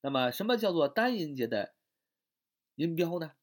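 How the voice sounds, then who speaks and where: A man teaching English grammar in Chinese, explaining step by step with many drawn-out fillers and repeated points. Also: a little high, very animated.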